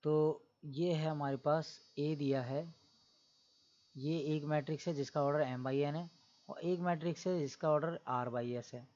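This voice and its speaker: In this dull-sounding recording, a man with a slightly high, mellow voice teaches maths in a classroom-style lecture. He speaks unhurriedly with fairly even intonation, working through each step and asking his students questions along the way. He keeps tacking on the phrase "theek hai na."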